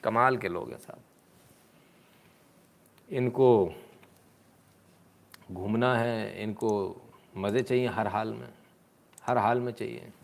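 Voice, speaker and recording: A man's voice: lowish voice, slow, vocal fry, pauses often. A man hosting a live stream, commenting sarcastically on video clips and answering viewers' comments in a mocking, scolding way.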